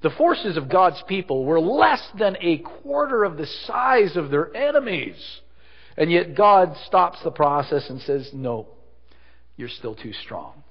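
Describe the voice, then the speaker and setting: A man's voice: a little high, very animated, unhurried. Man, pastor, sermon, big hall echo, slightly muffled sound. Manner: earnest preaching with strong stresses and drops.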